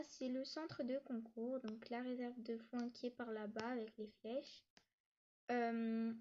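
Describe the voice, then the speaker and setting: A slightly high, somewhat mellow-voiced YouTuber talks fast through a casual tour of her game map, hesitating with many fillers and restarts. She says she struggles to catch her breath and seems a bit winded. The muffled, dull recording, like a cheap mic, has a little hiss or hum.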